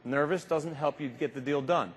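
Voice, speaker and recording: His fairly high voice is slightly rough and moves at a moderate pace. The man, in his fifties, gives a rousing, informal keynote on a large indoor conference stage and repeats phrases for emphasis; the lapel-mic recording sounds reverberant and a bit muffled.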